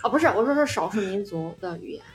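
A woman's voice: mid-range voice, sing-song, quick pace, soft background music. A woman chatting casually in a group conversation. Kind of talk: casual chat.

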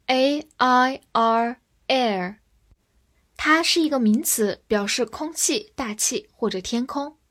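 Young female teacher whose first language is Chinese; higher voice, unhurried, spells out each word and models the example sentences slowly. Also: a bit bright. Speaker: English vocabulary teacher. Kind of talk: vocabulary lesson, spelling and slow model reading.

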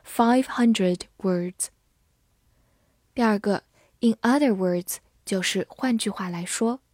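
Slow, clear woman teaching English. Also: medium pitch, a little mellow, no echo, clean studio sound. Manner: clear, measured, slows down for model sentences. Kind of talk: scripted vocabulary lesson.

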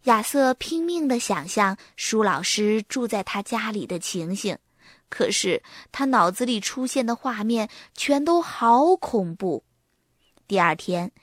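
A woman narrating a picture book to young children in a lively storytelling manner. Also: on the high side, no echo, studio quality.

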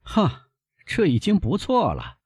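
A man reading aloud, voicing an impulsive, spirited young gentleman who exclaims eagerly. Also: a little high, wildly swooping pitch, takes it slowly, husky, dry recording, clean studio sound, voice pushed up, heavily acted.

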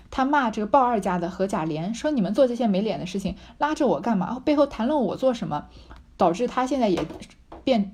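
A woman's voice: mid-range voice, darkish tone. A middle-aged woman retelling and explaining a classic novel in a conversational teaching style, with fillers and rhetorical questions. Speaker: literature lecturer.

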